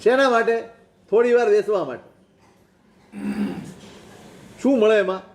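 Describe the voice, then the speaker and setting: High-pitched guy giving a sermon, keeps throwing out rhetorical questions and telling little stories, echoey room. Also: a little slow, slight background noise. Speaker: Jain monk preacher. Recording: roomy echoing recording.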